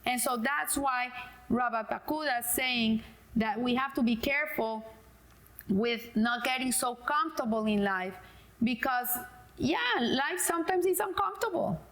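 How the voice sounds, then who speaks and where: A woman's voice: a little high, normal speed, fairly bright tone. A middle-aged woman giving a casual religious lesson, hesitant, with many fillers and restarts. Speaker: Torah teacher.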